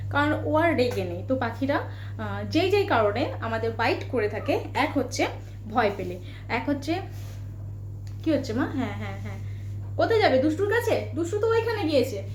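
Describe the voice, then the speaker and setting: High, lively woman coaxing her parrots. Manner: coaxing, sing-song baby talk to birds. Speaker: pet vlogger. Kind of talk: casual home video with pet parrots. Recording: echoey room, faint noise.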